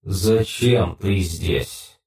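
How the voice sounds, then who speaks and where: A male narrator voicing a towering, cold and menacing man in an alien suit, his voice slow, drawn-out and metallic. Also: low-pitched, darkish tone, roomy sound, voice pushed down, rough recording. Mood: cold menace. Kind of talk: audiobook narration.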